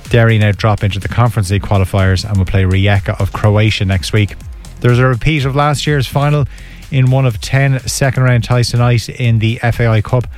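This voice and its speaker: A man's voice: fairly low pitch, a little mellow. An Irish man reading a scripted sports bulletin as a radio newsreader.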